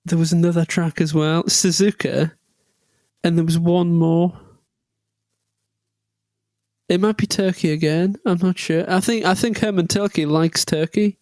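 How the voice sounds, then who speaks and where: Male podcast co-host, high voice, loose jokey rambler, dry sound. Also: steady tone, moderate pace, darkish tone, no room sound. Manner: rambling, jokey, full of tangents and restarts. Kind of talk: casual chat.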